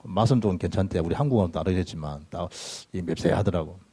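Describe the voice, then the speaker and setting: A middle-aged man preaching a sermon, telling stories in an animated way with sudden loud bursts. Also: deep voice, fairly quick, husky. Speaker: pastor. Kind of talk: sermon with personal anecdotes. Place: church sanctuary.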